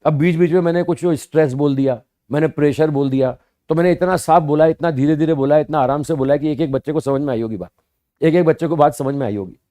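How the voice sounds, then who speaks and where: A man teaching physics to students, explaining slowly and repeating points, often asking rhetorical questions and answering them himself. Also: a little high, dark tone. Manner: addresses students as "bhaiya" and "sahab". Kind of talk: classroom lecture.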